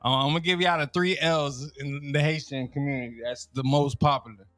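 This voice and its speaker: Speaking briskly with a steady tone, this young Miami man has a fairly high, slightly bright voice and a Miami accent. He spins casual comic stories in slangy fashion, repeating lines and cracking himself up. The recording is dry, with faint music in the background.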